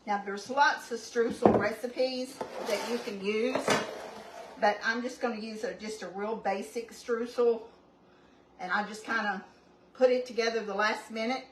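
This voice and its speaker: A chatty home cooking host with a drawl walks through a recipe, drifting into homey asides, her voice a little high and her pace measured. She's a few steps from the mic in an echoey kitchen, with steady background noise in this roomy, distant home recording.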